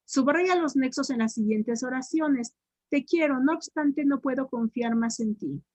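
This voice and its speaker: A Mexican woman teacher runs a grammar drill, her fairly high voice echoing each student answer. She draws words out slowly, syllable by syllable. The sound is dry and close. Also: a little mellow. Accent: Mexican Spanish. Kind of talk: online grammar tutoring.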